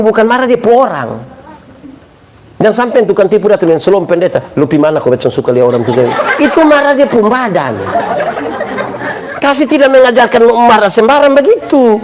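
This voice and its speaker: A male pastor preaching a live sermon, joking and quizzing his congregation with call-and-response questions. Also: extremely high pitch. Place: church service. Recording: live church recording with congregation and room noise.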